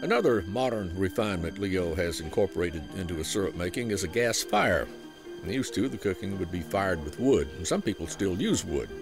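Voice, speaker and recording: A man with a Southern US accent narrating a documentary feature in a folksy, unhurried storytelling way. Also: fairly low pitch, vocal fry. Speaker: program host and narrator. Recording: voice-over with music underneath.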